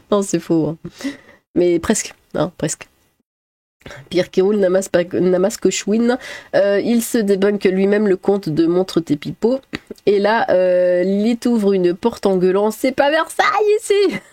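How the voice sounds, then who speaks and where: A woman's voice: mid-range voice, measured pace, warm tone, no room sound. Giggly woman reading comments, dry sound. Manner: laughs often, swears, chatty asides. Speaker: YouTuber reading viewer comments. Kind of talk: casual chat.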